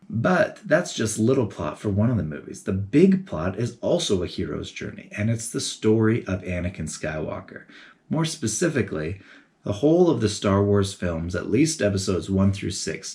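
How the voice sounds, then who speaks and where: A man giving a casual, animated video essay, talking in a chatty way with geeky enthusiasm. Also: low-pitched. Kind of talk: casual commentary to camera.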